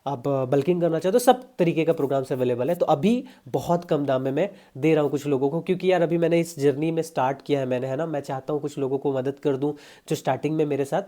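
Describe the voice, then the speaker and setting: Young male fitness vlogger, warm mellow voice, chatty and salesy. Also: fairly high pitch. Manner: chatty, pushy, addresses viewers as brother. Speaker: fitness coach. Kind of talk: casual diet advice vlog.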